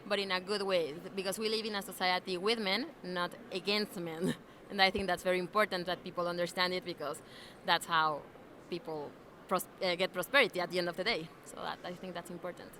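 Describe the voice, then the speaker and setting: A woman's voice: fairly low pitch, fairly even intonation, brisk, pushed and bright, slight background noise. A woman from Mexico City with a Mexican Spanish accent, speaking in a friendly, upbeat way with "like" fillers in a casual interview. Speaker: interviewee, alliance member. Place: busy convention venue.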